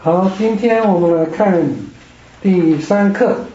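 A man teaching a classroom language lesson, slowly modeling each word for his students to repeat. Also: high-pitched, dark tone, a little hiss or hum. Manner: slow, patient, models pronunciation for repetition. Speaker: Greek teacher. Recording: roomy, dull lo-fi classroom audio.

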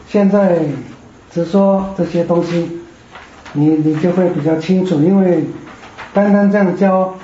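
A man's voice: high voice, warm tone, a little hiss or hum. A man teaching a Greek grammar class, explaining patiently step by step. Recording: echoey room, dull lo-fi.

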